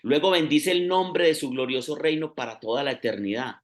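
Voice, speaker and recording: A man's voice: on the high side, fairly quick. A man preaching a sermon, explaining step by step and stressing key phrases.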